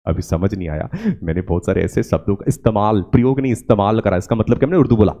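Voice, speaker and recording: A man from India teaching a spoken English demo lecture in a classroom, asking the class questions and repeating words slowly to show pronunciation. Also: on the low side, mellow.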